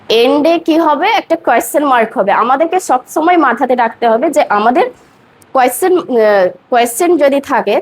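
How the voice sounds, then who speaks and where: A woman with a high voice gives a spoken English lesson. She explains patiently and says each example sentence slowly, more than once, then stops to check that her students have followed. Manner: patient, repeats phrases slowly and checks understanding. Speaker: English teacher.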